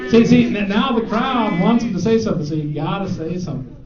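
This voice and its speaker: A man presenting student game awards to a live audience, joking and teasing as he reads out the winners. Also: sits high. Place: event hall with an audience. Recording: echoey, dull hall recording.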